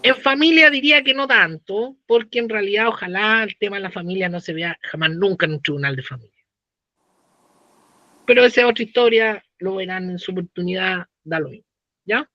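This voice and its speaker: A law professor with a Chilean accent lectures casually, using slang and throwing rhetorical questions at the class. His voice is high, fairly quick and sharp, recorded lo-fi with no room sound.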